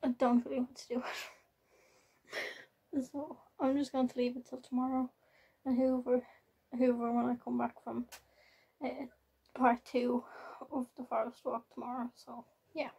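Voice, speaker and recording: Husky, mellow young Irish woman vlogging. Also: fairly high pitch, little pitch movement, poor audio. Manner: halting, repeats herself, tags sentences with "so I am". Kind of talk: casual rambling vlog chat. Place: at home, in a room.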